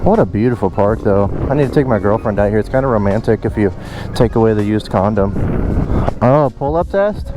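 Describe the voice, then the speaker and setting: A man's voice: lowish voice, fairly quick, noisy background. A young man giving casual, slangy, exclaiming commentary while jostled on a bumpy off-road motorbike ride outdoors, talking with some effort. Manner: excitable, exclaiming, slangy bro talk. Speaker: vlogger riding a dirt bike. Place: outdoors on a moving motorbike on woodland trails.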